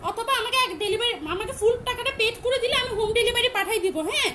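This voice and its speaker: Loud, high-voiced woman selling dresses live. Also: racing, a little hiss or hum. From Chittagong, Bangladesh. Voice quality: loud, big voice. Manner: repetitive, emphatic, rattles off prices. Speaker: online clothing seller. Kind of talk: live-stream sales pitch.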